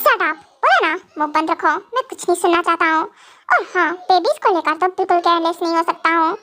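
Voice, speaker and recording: Over soft background music, a reader in an amateur fan dub plays a possessive, vengeful young mafia boss in a very high, pushed, bright voice that runs a little fast. Brooding and threatening at first, the anxious, bossy character then turns to fussing.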